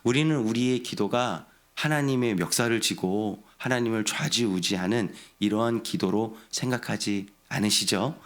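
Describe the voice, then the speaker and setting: A man's voice: on the low side, moderate pace, hardly any pauses. A middle-aged man preaching an early-morning sermon as pastor, earnestly acting out heartfelt prayers with a raised voice.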